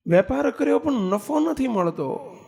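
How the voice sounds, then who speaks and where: A man's voice: very high voice, expressive, unhurried, creaky, a little mellow. A man from Gujarat giving a sermon as a swami, asking rhetorical questions and telling stories with quoted dialogue. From Gujarat, India. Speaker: swami preaching a discourse. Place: temple assembly hall.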